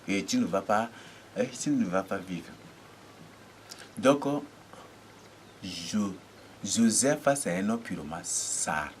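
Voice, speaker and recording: A man preaching a teaching sermon, halting and repeating words, often asking rhetorical checks. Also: low voice, animated, a little hiss or hum.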